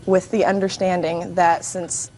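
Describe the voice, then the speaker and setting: Restrained, even-toned young woman plaintiff. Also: lowish voice, unhurried, slight background noise. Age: 20s. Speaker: plaintiff in a TV court. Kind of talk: courtroom testimony. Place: TV courtroom.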